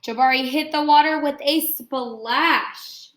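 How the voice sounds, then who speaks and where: A woman teaching young pupils reads them a story and explains it step by step. Her voice is high and fairly bright, and her delivery is slow.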